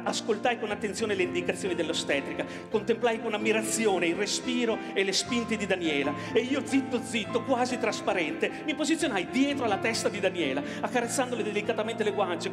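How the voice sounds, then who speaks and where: A middle-aged man with a fairly high voice tells a heartfelt story from a theatre stage, pausing and restarting as he goes. His words ring out in a long hall reverb over live music. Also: lively intonation. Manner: tender, halting, with small restarts. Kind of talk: monologue with musical accompaniment.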